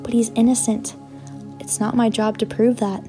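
A woman voicing a guarded teenage girl in an audiobook, speaking flatly in short lines. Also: fairly high pitch, normal speed, soft background music, lightly acted. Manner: flat, clipped. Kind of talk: audiobook narration.

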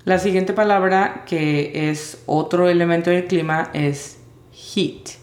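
Slow, careful woman teaching English words. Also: fairly low pitch, steady tone, darkish tone, reverberant. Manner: slow, careful spelling of sounds. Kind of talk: vocabulary lesson.

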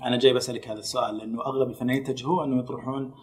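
A man, an interviewer asking a guest rapid, probing questions. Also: medium pitch, little pitch movement.

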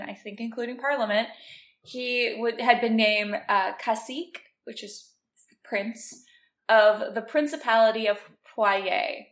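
A woman's voice: a little high, fairly bright tone. A woman co-hosting a casual podcast chat, laughing often and explaining facts. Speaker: podcast co-host. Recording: roomy echo.

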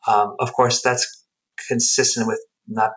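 Measured in pace and steady in tone, this middle-aged man has a mid-range, fairly bright voice captured with poor audio. He's an interview guest, an anthropologist and researcher with roots in the US and Guatemala, recounting personal stories emphatically and reflectively while frequently rewording his points.

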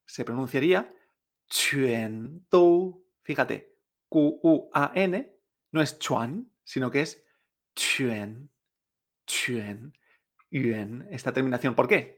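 A man from teaching Chinese pronunciation. He is patient, repeats sounds slowly and keeps checking in with "¿eh?". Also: fairly high pitch, gravelly. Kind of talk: pronunciation lesson.

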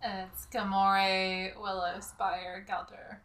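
A woman playing a tabletop game, answering with short, soft replies. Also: mid-range voice, flat delivery, takes it slowly, soft background music. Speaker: player.

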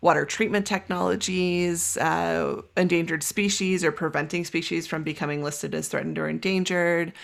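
A guest expert with a gravelly, creaky edge walks through policy details in a measured, methodical way. They list items one after another and fill pauses with frequent "um"s in a relaxed podcast chat. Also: medium pitch. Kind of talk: explanatory podcast conversation.

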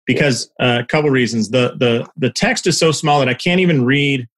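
A man's voice: medium pitch, fairly quick, fairly bright tone. A man on a video call giving direct, encouraging feedback on a website, with some stammering.

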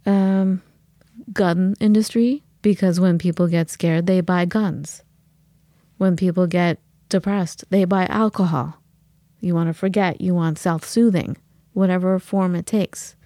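A woman co-hosts a casual podcast, her voice mellow and dark. She tells her stories with animation and slips into the voices of the people she quotes. The sound is dry and close. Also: on the low side, measured pace, dry recording. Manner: animated storytelling with acted-out quotes. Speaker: podcast co-host.

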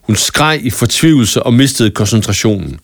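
A man reading a scripted Christmas story aloud in a calm, even storytelling manner with small stumbles now and then. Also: mid-range voice, no echo, studio quality. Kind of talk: scripted audiobook narration of a Christmas tale.

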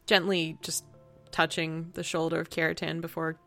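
A woman's voice: deep voice, monotone, normal speed, bright, forceful tone. A woman talking casually in role-play as a player in a tabletop game. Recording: music playing behind the voice.

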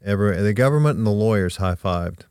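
Deep, smooth-voiced man talking emphatically. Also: animated, brisk, a little mellow, no echo, clean studio sound. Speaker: estate planning advisor, podcast guest. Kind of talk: conversational anecdote and advice.

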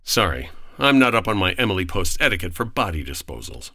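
Exasperated, sardonic noir-era writer, very expressive. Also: male voice, low-pitched, fairly quick, noisy background. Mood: dry, sardonic. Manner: dry, sarcastic, formal. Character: exasperated, sardonic 1940s male writer dragged into trouble. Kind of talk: noir comedy radio drama acting.

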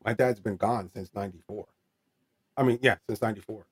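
A man's voice: lowish voice, fairly even intonation, a little fast, husky. A man in his forties telling a candid personal story in an interview, earnest and rambling, with many fillers and restarts. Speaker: interview guest.

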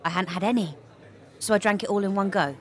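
A woman's voice: medium pitch, fast talker, close to an everyday voice. An actress playing an odd, blunt young woman, who speaks in a dry, matter-of-fact way.

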